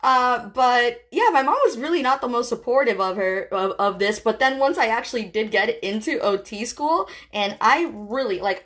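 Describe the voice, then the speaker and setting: A woman's voice: medium pitch, fairly bright tone. A woman in her thirties talking casually and encouragingly to a live-stream audience, chatty and full of fillers. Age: 30s. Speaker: host.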